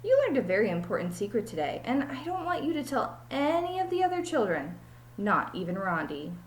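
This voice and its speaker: A woman's voice: fairly high pitch, big pitch swings, brisk, slight background noise. Woman reading as a befuddled sweet lady schoolteacher, lilting. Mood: confiding. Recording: echoey room.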